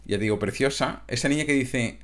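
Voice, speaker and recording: A man's voice: medium pitch, a little fast, fairly bright tone. A man from Catalonia, a coach talking in a casual, reflective monologue that stumbles over restarts and tag questions. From Catalonia, Spain.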